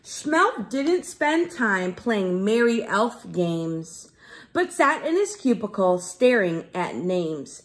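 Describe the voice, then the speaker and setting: Reading slowly in a mid-range voice, a woman teacher brings a story to life for young children, keeping her explanations simple and expressive.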